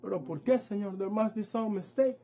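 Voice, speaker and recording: A woman's voice: medium pitch, a little fast, mellow, pitched above the performer's own voice, natural voice. A man playing a desperate young immigrant mother who pleads frantically to get her children away. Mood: pleading.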